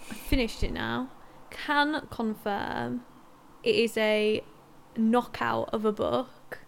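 A woman's voice: on the high side, steady tone, slow pace, gravelly. A young woman chatting casually about shows and books, in a playful, wry way.

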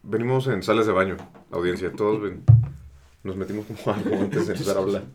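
A man's voice: lowish voice, steady tone, a little fast, over loud music. A Mexican man co-hosting a podcast in casual, joking banter.

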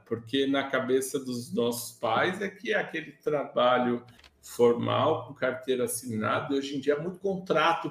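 A man's voice: medium pitch, creaky, echoey room. A Brazilian man, a streamer guest, chatting casually at home with slangy talk and hesitant fillers. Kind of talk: casual chat.

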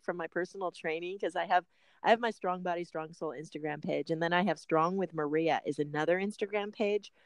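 On a dry recording, a lowish-voiced middle-aged woman who hosts a podcast and works as a personal trainer chats informally. Laughter comes often, and she wanders off on rambling tangents.

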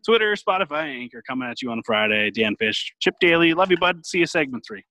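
A man's voice: medium pitch, very animated, quick pace, bright, forceful tone, no echo. A man co-hosting a casual podcast, running a music quiz game in a playful, chatty way with sing-song announcements. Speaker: podcast co-host and game runner.

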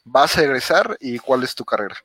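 A man hosting a casual podcast interview, asking questions in a relaxed, conversational way with many fillers. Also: mid-range voice, fairly quick, breathy edge, no room sound.

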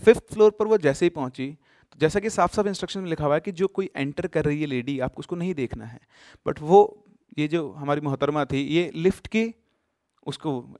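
A man casually telling a horror story, with emphatic bursts and sudden hushed drops. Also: a little high, brisk, dry recording, clean studio sound.

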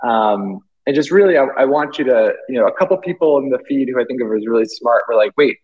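Husky British man, hesitant. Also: mid-range voice, expressive, fast talker, narrow, tinny audio. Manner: hesitant, full of fillers and restarts. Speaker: artist guest. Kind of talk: casual interview chat.

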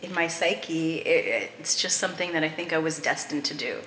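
A woman's voice: low voice, moderate pace, fairly bright tone, echoey room, slight background noise. A Canadian woman, a podcast guest, chatting casually and enthusiastically with frequent fillers and laughs. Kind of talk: casual interview chat.

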